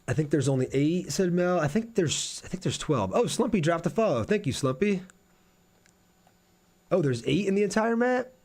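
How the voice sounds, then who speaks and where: A man chats easily with viewers as he plays a game on stream, reading comments aloud and replying to them. His voice is high and darkish in tone, swinging widely in pitch at a moderate pace.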